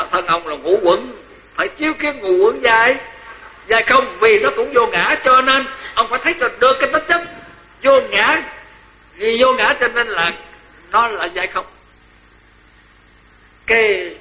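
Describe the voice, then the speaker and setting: An older man with a Southern Vietnamese accent, a senior Buddhist monk giving a lively, joking dharma talk that repeats phrases for emphasis. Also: high-pitched, slight background noise, low-quality recording.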